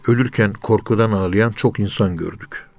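A man's voice: on the low side, normal speed, darkish tone, soft background music. A man teaching in a spiritual talk, urging listeners with repeated rhetorical questions. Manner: earnest, repetitive exhortation with rhetorical questions. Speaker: religious teacher.

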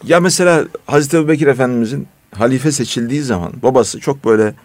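A man's voice: medium pitch, quick pace, no echo. Earnest man telling stories, dry sound. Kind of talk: casual discussion, storytelling.

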